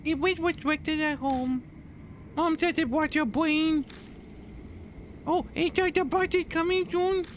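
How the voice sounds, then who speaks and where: A man's voice: very high voice, steady tone, takes it slowly, pauses often, slight background noise, voice pushed up. A man doing a woman's voice, putting on a small, polite little girl in an amateur reading of a visual novel game. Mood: polite, matter-of-fact.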